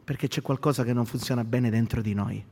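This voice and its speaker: A man's voice: mid-range voice, a little fast, a little mellow. Male pastor, sermon, emphatic rhetorical questions, long hall reverb.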